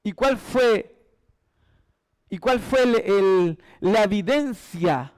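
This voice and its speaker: Male pastor, very high voice, emphatic church sermon, repeats key phrases. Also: animated, extremely slow. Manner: emphatic, repetitive preaching.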